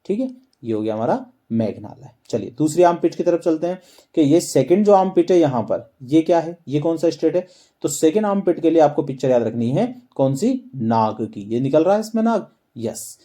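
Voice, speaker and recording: A man's voice: a little high, expressive, moderate pace, mellow. Teacher man, question-and-answer style. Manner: quizzing listeners with repeated questions and answers. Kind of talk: explaining a map lesson with memory tricks.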